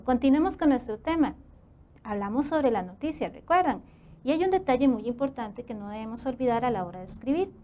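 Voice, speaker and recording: Bright-voiced Costa Rican woman teacher. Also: a little high, slight background noise. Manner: asks students rhetorical questions, warm classroom tone. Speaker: Spanish teacher. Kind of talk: televised school lesson.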